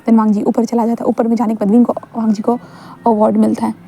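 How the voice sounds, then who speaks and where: A woman's voice: fairly high pitch, flat delivery, fast, warm tone, a little hiss or hum. A woman casually narrating a fan-fiction story and chatting directly to her listeners.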